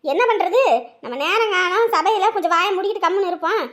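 A woman voicing a quarrelsome, loud-mouthed village woman in a family drama, scolding shrilly. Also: extremely high pitch, quick pace. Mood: gossiping. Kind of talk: Tamil family drama acting.

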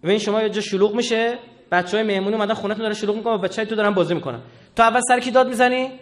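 A man giving a political lecture, impassioned and swinging from low mutters to loud outbursts, acting out quoted voices with humor.

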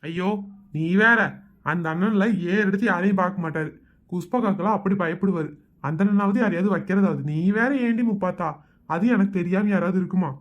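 A woman's voice: fairly low pitch, a little fast, dull audio, natural voice. A woman voicing a chatty, easygoing young village man in a cartoon, full of jokey banter. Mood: placating. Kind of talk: cartoon voice acting.

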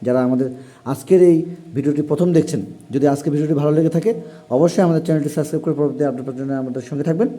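Fast-talking man teaching a lesson. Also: on the high side, mellow. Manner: formal, repetitive explaining with frequent pauses. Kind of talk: classroom lesson for parents and young pupils.

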